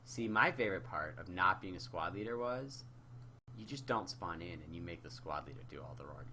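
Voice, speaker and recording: A man doing live, casual commentary on an online war game match, his voice worn hoarse from hours of talking. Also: deep voice, lively intonation, brisk, pushed and bright, slight background noise. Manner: casual, rambling, with fillers. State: losing his voice.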